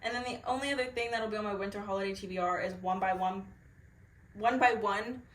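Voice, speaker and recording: A woman's voice: mid-range voice, a little fast, reverberant. A young woman, chatting bubbly and casually about books in a reaction vlog. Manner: bubbly, chatty, filler-heavy. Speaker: book vlogger.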